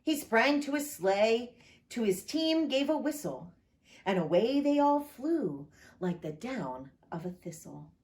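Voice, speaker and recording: Slow, expressive woman pastor reading aloud. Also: a little high. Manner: expressive, lilting read-aloud delivery; friendly direct address to listeners.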